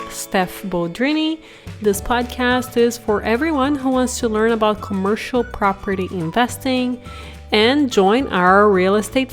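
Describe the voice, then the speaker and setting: A woman hosting a podcast, talking with an eager, upbeat manner as she opens and leads the interview. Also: medium pitch. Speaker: podcast host.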